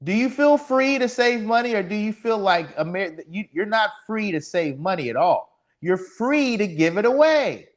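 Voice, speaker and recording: A man's voice: high voice, expressive, moderate pace. A man in his forties from Texas, hosting a solo live podcast stream, ranting sardonically and speaking to the chat. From Texas, USA. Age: 40s. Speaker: podcast host.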